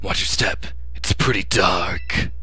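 A man voicing an eager, easily flustered young student adventurer from a video game, in an expressive, dramatic and casual way. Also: deep voice, slow pace, breathy edge, voice pushed down, exaggerated voice. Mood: cautious. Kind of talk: acted video game dialogue reading.

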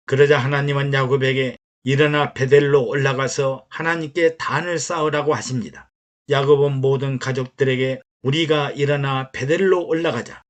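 A man, a pastor, reading a sermon that retells stories, in a measured, steady way. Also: mid-range voice. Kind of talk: read sermon narration.

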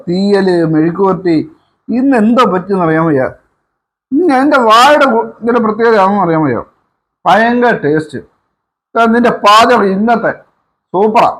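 A man acting as husband and son in a comic family skit, coaxing and teasing with drawn-out praise. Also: sits high, expressive, a bit bright.

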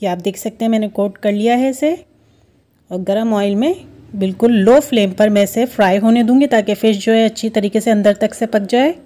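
A woman's voice: fairly high pitch, a little fast. Woman narrating a home recipe. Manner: steady, instructive, repeats steps. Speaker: cooking show host. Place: home kitchen.

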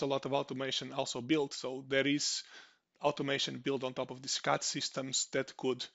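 A man's voice: medium pitch, creaky, fairly bright tone, lo-fi sound. A man from Portugal with a Portuguese accent, giving an online conference presentation with frequent restarts and fillers. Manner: hesitant, many restarts and fillers. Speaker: conference speaker.

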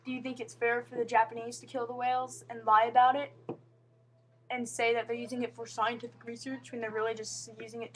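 A woman's voice: a little high, a little hiss or hum. A young woman vlogging casually to a webcam at home, rambling earnestly with frequent restarts and fillers. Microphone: webcam mic.

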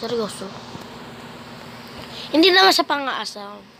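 A young woman chats through a mobile game match in a high voice, teasing her teammates and joking as she plays. She talks casually and jumps between playful banter and loud outbursts. The recording carries a clear layer of background noise. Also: sing-song, measured pace. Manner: playful, teasing, bursts of shouting and laughter. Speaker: gaming vlogger. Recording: noisy background.

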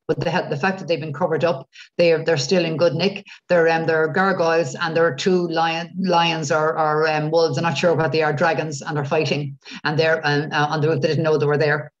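A middle-aged Irish woman gives an informal guided-tour talk, chatty and rambling with hesitations, over a video call. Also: sits low. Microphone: computer mic on video call. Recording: muffled video-call audio.

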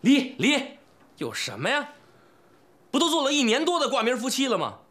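An actor playing a young husband who is quick to anger, loud, mocking and quarrelsome. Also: male voice, very high-pitched, wildly swooping pitch, exaggerated voice. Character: hot-tempered, bullying young husband. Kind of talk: TV drama acting.

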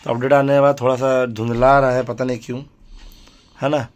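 A man's voice: medium pitch, level tone, a little fast. A man hosting a casual family vlog, chatty and coaxing a pet cat. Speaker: vlogger.

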